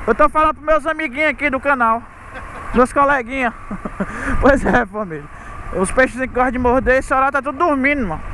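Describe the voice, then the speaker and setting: A young man with a very high-pitched voice motovlogs at night, riding along a city beachfront road and chatting briskly to viewers he calls family. His casual narration is friendly and talkative, caught on a helmet camera amid traffic and wind noise.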